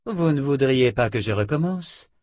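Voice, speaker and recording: A man voices a wry, teasing warrior woman, pitching his natural voice above his own usual register. It lands in the mid-range with a darkish tone, lively intonation, and a normal speed.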